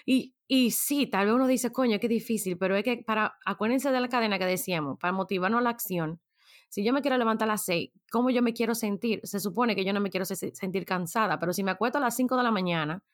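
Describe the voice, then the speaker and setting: A woman talks at an ordinary mid pitch in a loose, chatty motivational style. She keeps turning questions back on the listener as she coaches them. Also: fast. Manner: conversational, asks listeners many rhetorical questions. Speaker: motivational speaker. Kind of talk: casual motivational talk.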